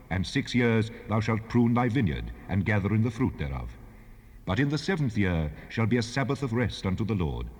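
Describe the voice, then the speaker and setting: A man playing God in a dramatized scripture recording, handing down laws in a solemn, measured, commanding manner. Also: lowish voice, a little mellow. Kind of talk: dramatized King James scripture reading. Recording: long hall reverb, 1970s cassette rip.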